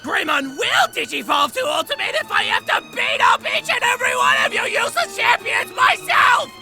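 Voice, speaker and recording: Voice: high-pitched, expressive, slow pace. An actor voicing a brash, whiny, panicky boy hero in a melodramatic cartoon parody dub, over music. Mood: impatient bossing. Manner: melodramatic, stammering when nervous. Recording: music behind the voice.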